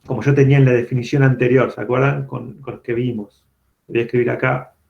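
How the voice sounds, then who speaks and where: A man gives an online university programming lecture, walking through steps and often checking that students follow. His medium-pitched, steady voice is quick, creaky, and a little mellow, captured by a computer mic in dull lo-fi video-call audio.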